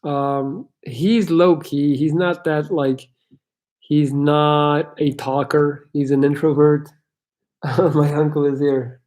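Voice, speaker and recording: A fairly high-pitched, slightly mellow voice belongs to a Belgian man with an American-sounding English accent who speaks slowly with flat delivery. He hosts a casual live Q&A at his parents' house, answering chat bluntly and candidly and swearing freely.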